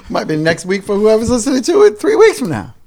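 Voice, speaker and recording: Man, slightly high voice, very lively intonation, giggly, casual chat. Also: brisk. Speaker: podcast co-host.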